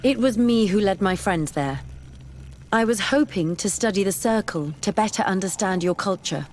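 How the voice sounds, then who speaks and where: An actress voices an earnest, composed female scholar in scripted video game dialogue, sounding polite, clear-headed, sincere, and curious. Her mid-range voice is expressive and darkish at normal speed, close to an everyday voice, with slight background noise.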